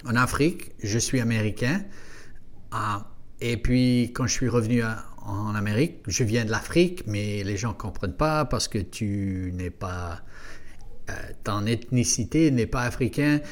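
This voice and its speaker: A man's voice: on the low side, unhurried. A man whose first language is English, telling a self-deprecating story in casual conversation as a podcast co-host. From United States. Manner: self-deprecating, jokey storytelling, laughs at himself.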